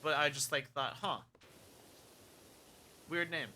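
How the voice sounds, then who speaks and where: Bright-voiced young man rambling on stream. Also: mid-range voice, normal speed, slight background noise. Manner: rambling, opinionated, frank. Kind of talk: casual gameplay stream chatter.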